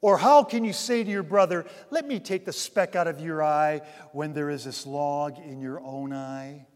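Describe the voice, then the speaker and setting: A pastor preaches with a high voice that rings out in a large hall with a long reverb. He swings from ringing emphasis to almost hushed asides, addressing the congregation as dear friends. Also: moderate pace. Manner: dramatic swings between loud emphasis and near-hushed asides. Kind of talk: sermon.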